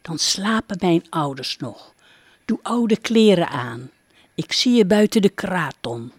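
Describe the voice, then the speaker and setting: A woman reading a storybook aloud and voicing a young princess with a high, eager, playful voice. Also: animated, takes it slowly, husky, exaggerated voice. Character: young girlish princess, lively and bold.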